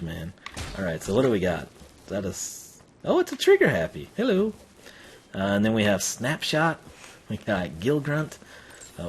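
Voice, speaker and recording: A man's voice: lowish voice, slight background noise. A man giving casual, rambling live game commentary as a streamer, thinking aloud in slangy speech.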